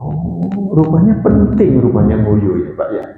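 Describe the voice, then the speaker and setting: A man with an East Javanese accent, a doctor giving a lively, hands-on health talk to a mosque congregation, directing listeners step by step. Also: fairly high pitch, moderate pace, creaky. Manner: lively, demonstrative, directs the audience. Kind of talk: casual religious health lecture. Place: large mosque hall. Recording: echoey hall, dull lo-fi sound.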